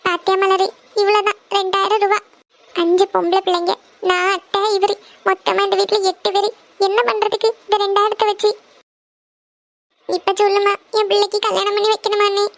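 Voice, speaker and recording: Woman doing a very high, gravelly-voiced cartoon mum, anxious and pleading, flat delivery. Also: fairly quick. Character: worried poor mother of five daughters. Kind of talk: cartoon family serial voice acting.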